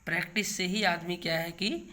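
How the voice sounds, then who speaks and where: A man's voice: sits high, fairly even intonation, moderate pace, pushed and bright. A middle-aged man teaching English grammar in an online video lesson. He explains patiently, keeps asking himself rhetorical questions and checks in with the viewer.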